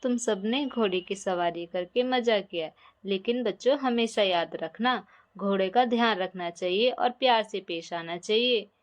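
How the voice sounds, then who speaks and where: A woman voicing a kindly grown man who gives children horse rides, talking gently and instructively. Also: medium pitch, measured pace, lightly acted. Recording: dull lo-fi recording.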